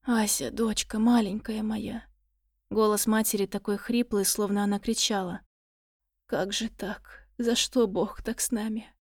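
Woman reading a hoarse, soft-voiced grieving mum, quiet and dry. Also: mid-range voice, steady tone, measured pace, no room sound, close to an everyday voice. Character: grieving mother at a hospital bed.

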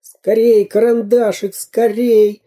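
A man's voice: sits high, expressive, normal speed, warm tone, pitched above the performer's own voice. A man voicing a small resourceful iron man in a storybook, speaking urgently and reassuringly.

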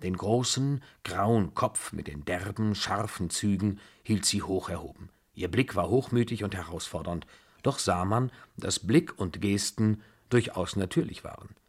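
A male audiobook reader with a husky voice, narrating a story in the first person in a measured, even way. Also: low-pitched.

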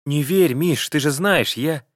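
A lying young wife pleads in a high, whiny voice that turns shrill when she is cornered, as a male narrator puts her on. Her tone is tearful and wheedling, pitched well above the reader's own low register. It is a read-aloud audiobook character. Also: measured pace, no room sound, clean studio sound. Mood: pleading.

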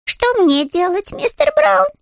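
A woman doing Paddington, a high little bear. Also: big pitch swings, unhurried, vocal fry, no echo, clean studio sound, heavily acted. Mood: earnest. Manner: earnest, a little bewildered. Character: small polite young male bear.

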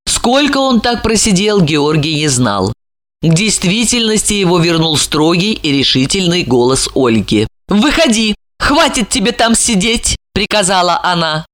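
Male narrator, animated audiobook read, dry close sound. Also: on the high side, no echo.

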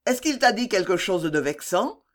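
A vain, boastful singer who used to work in a factory, from a classic novel, voiced by an audiobook reader. He swaggers as he talks, and his pitch swings freely. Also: big pitch swings, moderate pace, close to an everyday voice. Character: vain, boastful male singer, former worker.

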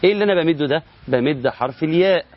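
A middle-aged man with an Egyptian Arabic accent leads a tajweed lesson, asking questions and answering them himself. He stretches the sample words to show the long vowels. His slightly high voice comes through a dry, muffled recording. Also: animated, racing, dry recording. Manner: explains step by step, asks and answers himself, drawls sample words. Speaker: Quran recitation teacher.

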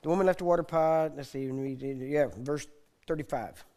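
A man from Texas, preaching in short bursts that pause for an interpreter and often clearing his throat. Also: on the high side, fairly even intonation, warm tone. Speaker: guest preacher. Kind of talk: sermon through an interpreter.

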